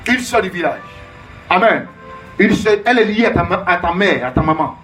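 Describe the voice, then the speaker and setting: A man's voice: high-pitched, expressive, normal speed, fairly bright tone, faint music behind. A man preaching as a prophet, emphatic and repetitive, calling out names and Alléluia in call-and-response.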